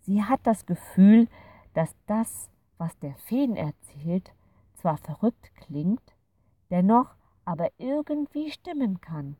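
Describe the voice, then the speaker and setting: A woman narrating a children's bedtime story in a calm, soft manner, at times half-whispering. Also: mid-range voice, takes it slowly, no echo, far from the mic.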